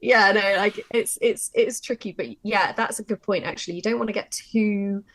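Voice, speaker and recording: Leading a workshop, a woman who writes audio drama talks informally and emphatically, using examples to explain her points as a writer. Her medium-pitched voice is fairly bright, with a fairly even intonation and a normal speed.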